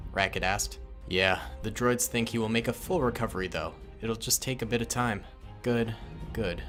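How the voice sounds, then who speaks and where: Narrating a fan-made war cutscene, a man whose voice sits on the low side with a fairly bright tone also performs most character voices, playing several soldiers as they talk.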